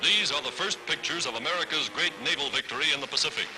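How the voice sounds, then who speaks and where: A man's voice: on the high side, quick pace, poor audio. Dramatic 1940s newsreel narrator, a man. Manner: dramatic, declamatory announcing.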